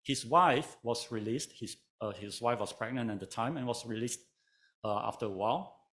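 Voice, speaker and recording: A man from Malaysia, giving a measured conference talk as a panel speaker, told like a story with touches of dry humor. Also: medium pitch, fairly bright tone. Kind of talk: conference lecture.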